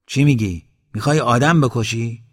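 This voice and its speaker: A man's voice: lowish voice, fairly even intonation, close to an everyday voice. A man voicing a stern village headman. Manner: stern, scolding.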